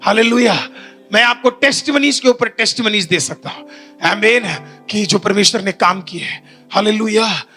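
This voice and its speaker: High, bright-voiced male pastor preaching. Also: moderate pace, faint music behind. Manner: mixes Hindi with English phrases, frequent "I mean"; builds to fervent shouted preaching. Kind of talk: testimony sermon in church. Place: church hall.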